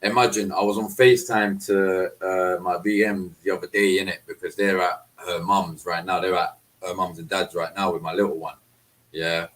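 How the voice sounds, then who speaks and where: A man's voice: deep voice, flat delivery, moderate pace, a bit bright, low-quality recording. A man chatting casually as a football fan podcast host, slangy and emphatic, repeating himself for effect. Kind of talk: casual chat.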